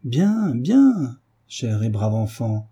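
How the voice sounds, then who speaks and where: A man voicing a passionate tutor who preaches with rising fervour, in a dark, husky voice. He speaks like an orator and leans hard into his big words. It is read in an audiobook. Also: mid-range voice, fairly even intonation, normal speed, close to an everyday voice. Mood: tender. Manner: impassioned, oratorical. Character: fervent male tutor, middle-aged, idealistic. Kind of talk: audiobook reading.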